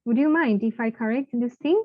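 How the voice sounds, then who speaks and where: A Bengali-speaking woman teaches English in an online live class, running a slow, encouraging pronunciation drill and repeating words so students can practice, switching between Bengali and English. Her voice sits on the high side and comes through a video call with no echo and the highs cut off.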